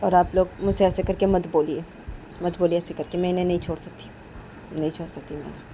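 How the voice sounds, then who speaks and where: A woman's voice: lowish voice, steady tone, quick pace, mellow, slight background noise, pitched below the performer's own voice, lightly acted, poor audio. A woman voicing a firm, loyal young wife, repeating herself insistently.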